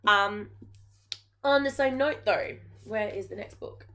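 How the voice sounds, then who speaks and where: An Australian woman who hosts a knitting podcast and teaches geography chats earnestly to camera, full of ums and likes. Her mid-range voice is pushed and bright and she takes it slowly, with slight background noise.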